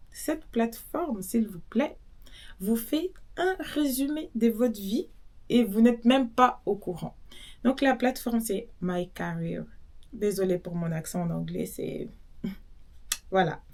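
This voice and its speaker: Chatty woman giving advice. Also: mid-range voice. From Belgium. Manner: chatty, lively, addresses viewers directly with asides. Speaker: social worker giving advice. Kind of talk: casual advice vlog.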